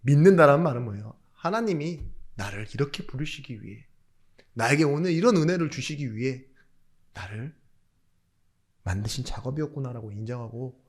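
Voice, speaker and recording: A man's voice: medium pitch, expressive, moderate pace. A male pastor giving a sermon, asking rhetorical questions, throwing in jokes, and suddenly raising his voice for emphasis. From South Korea. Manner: jokey asides.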